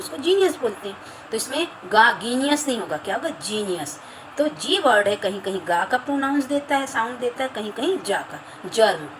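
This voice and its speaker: A woman teacher giving a phonics lesson to children, repeating each sound slowly and asking the class questions as she goes. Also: fairly high pitch, slight background noise, low-quality recording.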